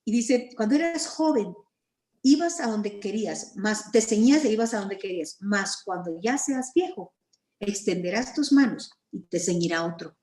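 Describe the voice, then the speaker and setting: A Guatemalan woman teaching a Bible study over a video call, earnest and story-driven, clearing her throat now and then. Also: medium pitch, animated, moderate pace, darkish tone, roomy sound. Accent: Guatemalan Spanish.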